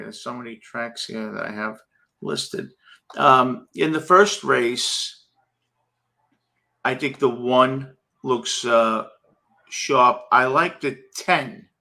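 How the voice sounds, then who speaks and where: Male co-host, bright forceful voice, casual racing analysis. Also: mid-range voice, creaky. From Brooklyn, New York. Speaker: co-host, horse racing handicapper.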